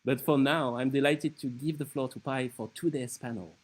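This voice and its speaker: A man introducing an online panel in a formal, steady read with slight hesitations. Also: medium pitch, normal speed, husky, low-quality recording. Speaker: event host introducing the panel.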